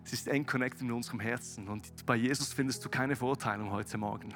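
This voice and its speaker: Passionate preacher with soft-to-loud swings. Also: male voice, steady tone, brisk, soft background music. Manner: swings between soft, low passages and loud emphatic rises; mixes English words into his German. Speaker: pastor. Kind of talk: sermon with closing prayer. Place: church service, streamed to several sites.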